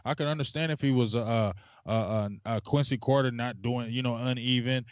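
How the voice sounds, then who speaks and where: A man's voice: mid-range voice, steady tone, clean tone, dry recording. Male co-host, heated rambling sports rant, dry close sound, dull lo-fi audio. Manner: passionate, rambling, drawn-out fillers. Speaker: podcast co-host. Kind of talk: casual sports talk livestream.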